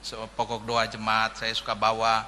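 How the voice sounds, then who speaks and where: A man's voice: fairly low pitch, completely flat delivery, normal speed, bright, forceful tone. A pastor preaching a sermon, telling humorous stories and speaking directly to his congregation. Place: church sanctuary. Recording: reverberant hall with faint noise.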